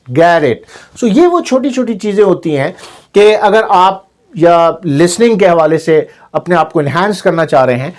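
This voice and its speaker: A man from Pakistan with a Pakistani accent teaching English pronunciation, spelling words out slowly and repeating them, with quicker explanations in between. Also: high voice, a little mellow. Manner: slow deliberate spelling-out of words, then fast asides. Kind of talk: language lesson mixing Urdu and English.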